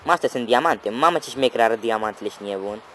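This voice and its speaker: A man giving excitable let's-play commentary, swearing and yelling at enemies over loud game music. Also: medium pitch, noisy background. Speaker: gaming channel host.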